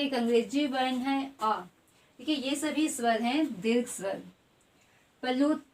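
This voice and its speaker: A woman teaching Hindi grammar in an exam coaching lesson, repeating a check-in phrase and spelling out vowels one by one. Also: a little high. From India. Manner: repeats "ठीक है" constantly, spells out vowels slowly. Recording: voice at a distance from the mic.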